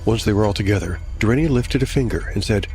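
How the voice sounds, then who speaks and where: A very low-voiced man talks fast in a darkish tone, narrating a fantasy story as game master. The telling is scripted and dramatic over faint background music.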